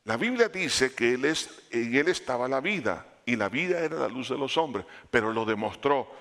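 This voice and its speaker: A man delivers a sermon with a bright, ringing voice. His pitch swings widely, climbing for emphasis and falling low and quiet, and he calls his listeners brother. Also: normal speed. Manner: animated, rising for emphasis then dropping low. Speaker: preacher.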